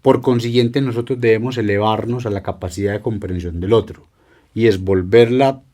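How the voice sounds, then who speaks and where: Middle-aged doctor, mellow dark voice, unhurried storyteller. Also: male voice, on the low side, steady tone. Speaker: palliative care doctor, podcast guest. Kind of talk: reflective conversation and storytelling.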